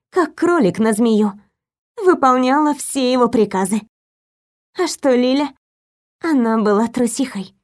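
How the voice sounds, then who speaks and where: High-voiced woman narrating an audiobook. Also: darkish tone. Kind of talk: scripted narration.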